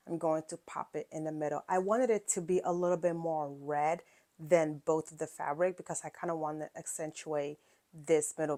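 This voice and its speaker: A woman hosting a quilting channel, casually talking through each sewing step, with frequent fillers and check-ins. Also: low-pitched. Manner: chatty step-by-step explaining with fillers.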